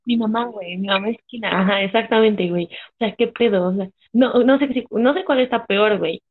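A woman's voice: mid-range voice, brisk. Slangy Mexican woman, tinny phone sound. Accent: Mexican Spanish. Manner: slangy, swearing, animated storytelling. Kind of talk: casual chat.

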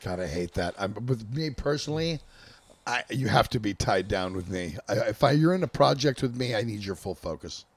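A man's voice: lowish voice, expressive, fairly quick. A man hosting a casual podcast chat who throws in short reactions and shares memories of his own bands. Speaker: podcast host, musician.

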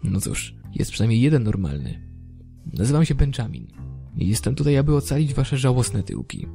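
A man's voice: medium pitch, very animated, normal speed, vocal fry, soft background music. A man voicing a paranoid, threatening bearded gunman. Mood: scornful. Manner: menacing, shouting at times.

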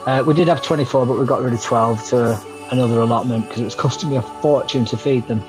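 A man's voice: medium pitch, fast talker, music in the background, low-quality recording. A man co-hosting a podcast, full of cheerful, self-mocking banter. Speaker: podcast co-host. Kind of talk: casual chat.

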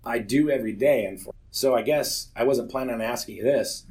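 A man in his forties talks a little fast, his medium-pitched voice taking on a darkish tone. Before a church group, he gives a candid, earnest testimony and tells stories that gently make fun of himself.

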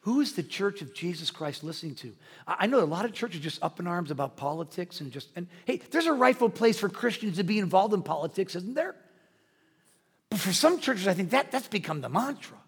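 A man preaching a sermon as pastor, swinging between loud, riled-up delivery and hushed, quiet asides. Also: high voice, big pitch swings, fairly quick, slightly rough. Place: church sanctuary. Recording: long hall reverb.

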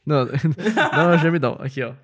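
A man's voice: fairly high pitch, expressive, fast, breathy edge. A man with a Brazilian Portuguese accent hosting a podcast in a laid-back, slangy chat. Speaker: podcast host.

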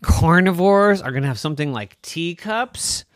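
A man's voice: fairly high pitch, lively intonation, normal speed, no room sound, studio quality, pitched above the performer's own voice, lightly acted. A man doing a skeptical dinosaur dad. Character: doubtful stegosaurus father.

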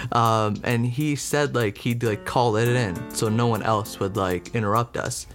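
A man's voice: mid-range voice, steady tone, a little slow, a bit bright, faint music behind. A man in his twenties recounting a story in a casual interview, rambling with lots of "like" and "um". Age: 20s. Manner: rambling, frequent "like" and "um", laughs.

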